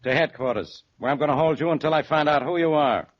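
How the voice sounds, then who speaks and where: An actor playing a gruff, exasperated American police inspector with sardonic retorts in 1940s radio drama style. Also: male voice, fairly high pitch, fast talker, lightly acted. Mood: skeptical. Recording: dull, noisy vintage radio recording.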